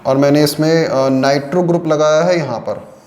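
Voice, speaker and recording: A man's voice: on the high side, fairly even intonation, normal speed, a little mellow, echoey room. A man teaching a chemistry lesson in Hindi, explaining step by step and often checking whether students follow. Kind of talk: online lecture.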